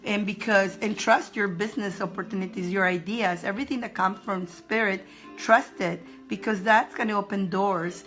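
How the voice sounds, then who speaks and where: With a steady tone and normal speed, an upbeat woman hosts a live card-reading stream at an ordinary middle pitch. She's chatty and encouraging, welcomes viewers by name, laughs often, and repeats phrases for emphasis over faint, soft background music.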